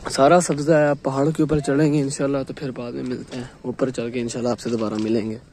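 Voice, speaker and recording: A young vlogger with a Pakistani Urdu accent chats casually to his handheld phone camera while climbing a wooded hill trail outdoors, narrating his hike as he walks. His mid-range voice is fast, dark in tone, and shows little pitch movement, with a little hiss or hum.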